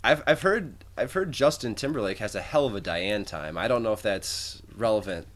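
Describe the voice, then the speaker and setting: A man's voice: fairly low pitch, lively intonation, moderate pace. A man co-hosting a podcast, tossing in goofy off-topic remarks during casual chat. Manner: goofy interjections, often laughing. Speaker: podcast co-host.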